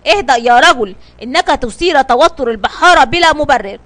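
A woman's voice: sits high, expressive, brisk, fairly bright tone. A woman voicing an anxious, eager male ship's mate in a children's storybook reading, sounding tense and worried.

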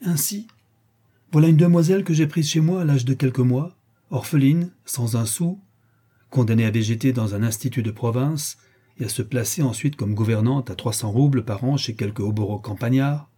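A man's voice: mid-range voice, moderate pace, warm tone, slightly rough, close to an everyday voice. A man reading an audiobook and voicing a haughty older aristocratic countess who scolds and commands. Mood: bitter, ironic.

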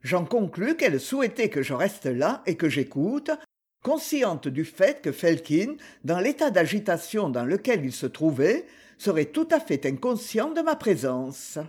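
A man narrating an audiobook in a fairly high, slightly husky voice. His reading is measured and expressive, with a lot of movement in the pitch. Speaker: audiobook reader.

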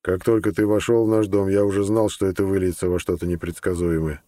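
A man voicing a calm, measured old grandfather in an audiobook. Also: low-pitched, dry recording, studio quality, lightly acted.

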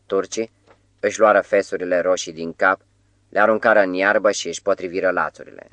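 A man reading a novel aloud as an audiobook narrator, measured and grave. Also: low voice, fairly bright tone, no room sound. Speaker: audiobook reader.

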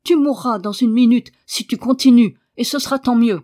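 A woman reading an audiobook voices a fierce, bossy little girl who shouts and insists, repeating her words. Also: sits high, normal speed, pitched above the performer's own voice, lightly acted. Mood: furious.

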